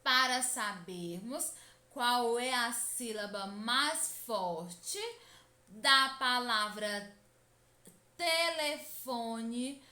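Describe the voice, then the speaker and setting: A woman, teaching a lesson to children, speaking deliberately, repeating instructions and stretching words out. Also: a little high, pushed and bright, roomy sound.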